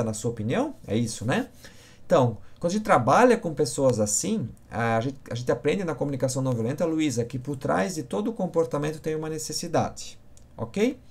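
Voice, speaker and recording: Guy teaching live on stream, answers chat questions, keeps asking "ok?" as he goes. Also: medium pitch. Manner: answers viewers by name, checks in with "ok?" and "certo?". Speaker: communication instructor.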